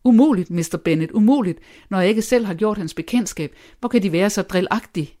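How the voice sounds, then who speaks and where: A reader voicing a nervous, excitable middle-aged mother of five daughters in an audiobook, gushing and indignant by turns. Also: mid-range voice, voice pushed up, close to an everyday voice. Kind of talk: audiobook character voice.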